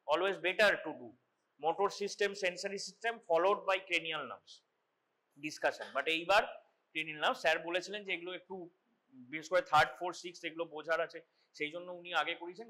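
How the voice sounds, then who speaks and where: A male lecturer teaches anatomy in a classroom. His voice sits high and sounds bright. He explains step by step, often restarting phrases and switching into English terms.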